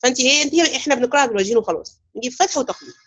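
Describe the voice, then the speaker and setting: A woman's voice: high-pitched, expressive, racing, fairly bright tone. A woman with an Egyptian Arabic accent teaching the rules of Quran recitation in an online class, often putting questions to her students and waiting for answers. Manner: asks students questions and waits.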